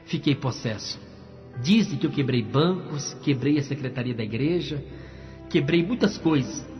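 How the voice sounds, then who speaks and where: A man's voice: mid-range voice, expressive, moderate pace. Man, testimony sermon, dramatic storyteller, long reverb, dull lo-fi sound. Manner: dramatic storytelling, addresses the crowd. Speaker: guest preacher giving testimony. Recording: dull lo-fi church hall with music.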